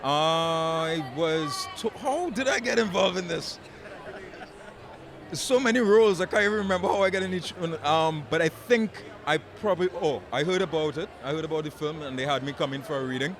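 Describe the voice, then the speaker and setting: A man, an actor talking in a relaxed, musing way at a red carpet interview. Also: a little high, normal speed. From Trinidad. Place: outdoor red carpet event. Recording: crowd chatter behind.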